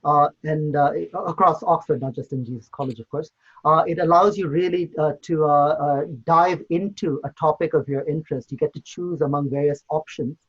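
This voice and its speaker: A middle-aged medical tutor gives a virtual open day presentation, sounding hesitant, with many fillers and restarts. His voice is on the high side, steady, moderately paced and husky, with the highs cut off.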